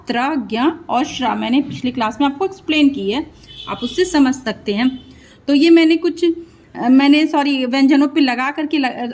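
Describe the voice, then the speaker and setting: Young lady teacher with a high voice, going slow over letter sounds for kids, patient. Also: darkish tone. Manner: patient, spells sounds out slowly, often says sorry and "means". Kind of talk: online Hindi lesson for children.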